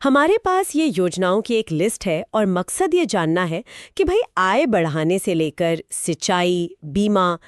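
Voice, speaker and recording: Woman, curious questioner, lively pitch, dry close sound. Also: unhurried, hardly any pauses, clear, resonant tone, no room sound. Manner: curious, asks prompting questions. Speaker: co-host. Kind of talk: scripted explainer chat.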